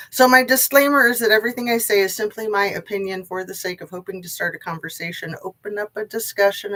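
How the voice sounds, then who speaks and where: A woman's voice: fairly low pitch, a bit bright, poor audio. A woman hosting a casual live true crime stream, chatting to viewers in a rambling way, her diction slightly impeded by braces and wax in her mouth.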